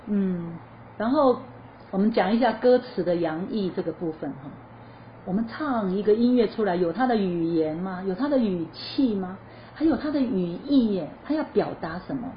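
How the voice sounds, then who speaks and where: A woman's voice: medium pitch, moderate pace. Woman teaching choir singing, chatty. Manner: lively explanatory, sings short demo phrases; chatty, asks questions then answers them. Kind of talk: spoken music lesson. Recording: slightly dull lo-fi recording with faint noise.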